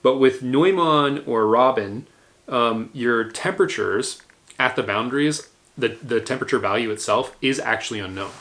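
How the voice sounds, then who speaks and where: A man's voice: medium pitch, moderate pace, a bit bright. A man lecturing a university engineering class, explaining step by step with frequent fillers and restarts.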